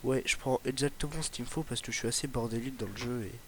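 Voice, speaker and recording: Talking fast in a slightly bright, medium-pitched voice, this young gaming YouTuber has a light Ardèche accent. He rambles casually over his gameplay in a Let's Play, with plenty of fillers and restarts, and the home mic recording is noisy.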